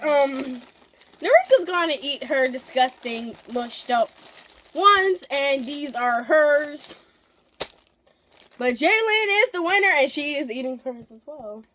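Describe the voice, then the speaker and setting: A woman with a high voice hosts a challenge video. She chats casually and playfully to the camera at a slow pace. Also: expressive, background noise.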